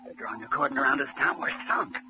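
An actor playing an anxious, excitable young fugitive sidekick, breathless and worried, in an old radio adventure. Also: male voice, medium pitch, quick pace, close to an everyday voice. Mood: worried, hushed. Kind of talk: 1950s radio adventure acting. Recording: noisy, dull old radio recording.

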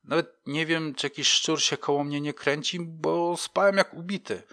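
Brief: man playing a scared homeless man, shaky, pleading, pitched up a touch, bright tone, storybook reading. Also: fairly even intonation, normal speed. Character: frightened homeless man, timid and ashamed.

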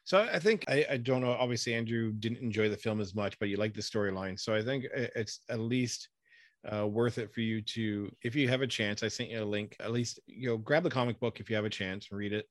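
A man's voice: on the low side, fairly quick, no echo. Enthusiastic male host, dry sound. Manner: enthusiastic, rambling recommendations. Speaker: podcast host. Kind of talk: casual chat.

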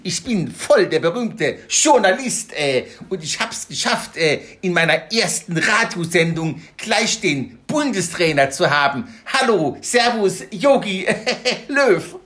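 Brief: hesitant male improv comic, lively pitch, ums everywhere. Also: slow pace, few pauses. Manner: hesitant, many fillers. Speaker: comedy improv performer.

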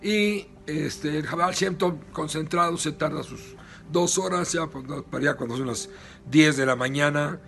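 Un rabino con acento mexicano que narra una historia con animación y muchos "este". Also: male voice, fairly high pitch, a little slow, creaky, soft background music. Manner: lively retelling with many "este" fillers. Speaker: rabbi. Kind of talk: storytelling.

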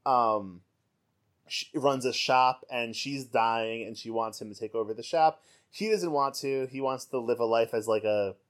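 Casting: man of middle pitch, podcast co-host, rambling, amused delivery. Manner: rambling, many ums and restarts, amused. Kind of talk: casual chat.

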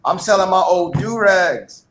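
Brief: man, high and very animated pitch, echoey room, brash chat. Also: measured pace. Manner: lively, storytelling, hustler bravado. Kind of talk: casual chat.

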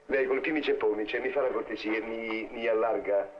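A man's voice: lowish voice, steady tone, brisk, natural voice. An actor playing a brash, crude working-class man among snobs, mocking them in a swooping comic way, in an old film comedy. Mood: mock-generous. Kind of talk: 1950s Italian film comedy. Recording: dull old film soundtrack.

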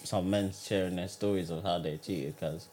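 A man's voice: sits low, steady tone, normal speed, darkish tone. A young man with a London roadman accent telling stories in casual, slangy street talk full of tags like bruv and innit. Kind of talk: casual chat, storytelling.

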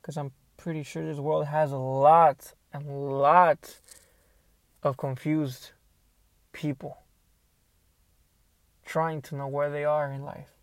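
A young man records a casual solo podcast on an earbuds mic in his car. His voice sits a little high and often crackles with vocal fry. The sound is close and dry as he hesitates and thinks out loud. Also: little pitch movement, takes it slowly, long pauses, dry recording. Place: inside a car.

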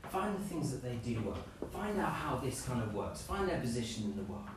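Man, preacher, animated sermon, roomy echoey hall, off-mic. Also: medium pitch, a little fast, noisy background. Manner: animated, acts out scenes in playful voices. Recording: echoey room, from a distance.

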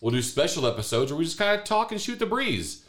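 Man, podcast co-host, casual family chat, animated pitch, playful questions. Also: fast. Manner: playful, prompting questions with fillers.

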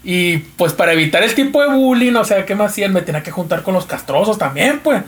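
A man's voice: high voice, lively intonation, quick pace. A man with a Mexican accent telling anecdotes in casual, slangy and profane street talk as a podcast guest. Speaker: podcast co-host, returning guest.

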